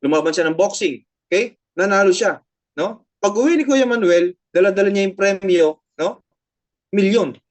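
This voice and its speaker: Moving back and forth between English and Tagalog, a Filipino-accented female pastor delivers her sermon in a mid-range voice. She often repeats herself and keeps tossing tag questions to the congregation.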